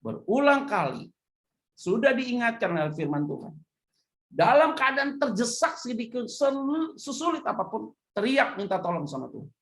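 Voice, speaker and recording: A woman pastor, preaching a sermon that swings from hushed to loud emphasis. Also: fairly high pitch, sing-song, normal speed.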